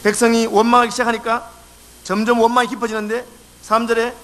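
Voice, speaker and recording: A man's voice: extremely high pitch, little pitch movement, fast, fairly bright tone. A male pastor preaching a sermon in a church, acting out complaints in dialect. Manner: acts out quoted complaints in dialect. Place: church sanctuary.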